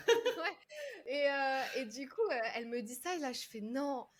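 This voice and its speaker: A woman from France recounts her past as an interview guest in a fairly high voice. She talks in a loose, lively way, full of fillers and quick restarts. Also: crowd noise. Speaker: guest, public speaking coach. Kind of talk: casual interview storytelling.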